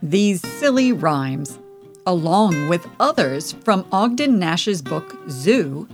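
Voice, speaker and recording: A woman's voice: lowish voice, very animated, slow, music in the background. Sing-song woman narrating for kids. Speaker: host of a children's program. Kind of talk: narration for children.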